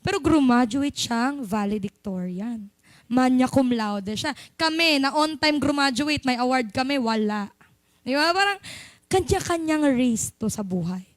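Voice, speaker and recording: A woman's voice: sits high, animated, unhurried, no room sound. A young Filipino woman giving a chatty, playful sermon in church, mixing in English. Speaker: church speaker.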